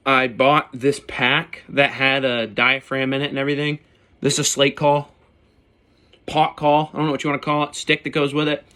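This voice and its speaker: A man's voice: medium pitch, level tone, moderate pace, pushed and bright. A man talking informally and bluntly, with mild swearing and slang, as a hunter casually showing and explaining his gear. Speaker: turkey hunter presenting his calls. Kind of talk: casual hands-on gear demonstration.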